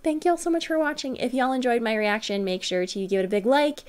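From a compact, furnished room at home, a young adult streamer rambles casually as she reacts for her audience. She talks briskly, her fairly high voice a little mellow.

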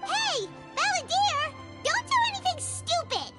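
Very high, squeaky little fairy Paimon. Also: female voice, sing-song, a little slow, over loud music, full character voice. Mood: alarmed. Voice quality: squeaky, childlike. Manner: exclamatory, dramatic, petulant. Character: tiny childlike floating fairy companion, excitable and indignant. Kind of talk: video game dialogue acting.

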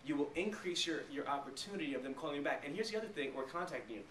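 Racing along with lively intonation and a fairly bright tone, this high-sided male voice belongs to a man in his thirties leading an emphatic sales training talk. He often stops to put rhetorical check questions to the small group. It's recorded in a small flip-chart meeting room on a distant camera mic, with echo and faint noise.

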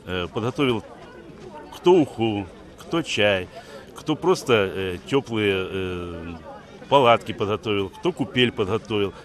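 Low-voiced middle-aged man interviewed outdoors. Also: expressive, unhurried. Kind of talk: on-the-spot interview answer. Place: open riverside by tents. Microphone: handheld reporter microphone. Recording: outdoor interview with crowd murmur.

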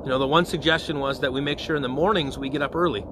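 A male parish priest speaking in a slightly high voice, with a faint hum of noise in the background. He gives a relaxed evening prayer reflection and often pauses to check in with his listeners. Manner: conversational, often checks in with "okay?" and "all right?".

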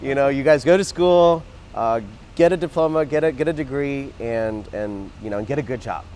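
Earnest and animated with his hands, a man in his thirties who was born in Mexico and brought up in Texas shares his story, frequently restarting his sentences. He speaks at a moderate pace in a medium, slightly mellow voice. The casual interview, recorded with a lapel mic outdoors in a garden plaza, has poor audio.

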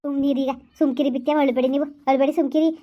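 A woman's voice: sits high, level tone, racing, lo-fi sound, lightly acted. A woman playing a grieving village woman who laments and scolds while consoling her family in a rural family drama.

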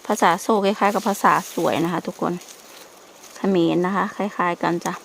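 A woman's voice: fairly low pitch, steady tone, normal speed. Woman vlogger with a Sakon Nakhon Isan accent, chatty and explanatory, recorded outdoors in a forest with faint background noise. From Sakon Nakhon, northeastern Thailand. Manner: chatty, explaining as she goes, addressing viewers. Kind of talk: casual vlog commentary to viewers.

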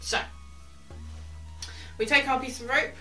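A young sailing instructor chats her way through tying knots step by step, murmuring quiet asides as she handles the rope. Her voice is high and fairly even, her pace a little slow, and she's recorded close to a camera in a small wooden cabin with soft music playing in the background.

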